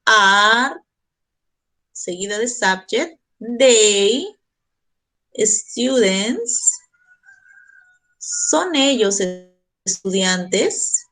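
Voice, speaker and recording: A woman English teacher giving a classroom grammar lesson, walking through each step slowly and deliberately. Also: mid-range voice, lively intonation, fairly bright tone, rough recording.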